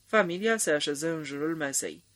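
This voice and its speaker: A man narrating a radio drama in a calm, measured storytelling manner. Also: a little high.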